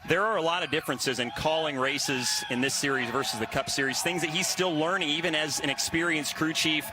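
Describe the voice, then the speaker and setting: A man's voice: a little high, a little fast, rough recording. A man giving conversational race commentary as a broadcaster. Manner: conversational studio analysis.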